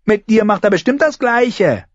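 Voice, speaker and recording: A man's voice: high voice, lively intonation, normal speed, dry recording, pitched above the performer's own voice. A man voicing a sneering orphan boy who mocks and eggs on the others. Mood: mocking. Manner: mocking, egging on. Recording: slightly muffled recording.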